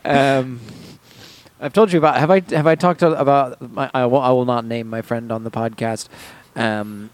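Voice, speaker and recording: A man's voice: medium pitch, steady tone, moderate pace, no echo. A man co-hosting a podcast, telling a rambling anecdote and correcting himself as he goes. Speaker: podcast co-host. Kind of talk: casual chat, storytelling.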